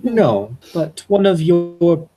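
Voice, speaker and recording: A man voicing a calm, stately Egyptian woman who speaks in a slow, measured, formal way. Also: high-pitched, faint music behind, pitched above the performer's own voice, full character voice. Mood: welcoming.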